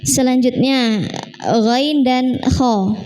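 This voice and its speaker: A woman leads a live Quran recitation lesson, demonstrating sounds and gently correcting her students. Her voice sits high and she talks slowly, with faint music in the background. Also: low-quality recording. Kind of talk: live tajwid class.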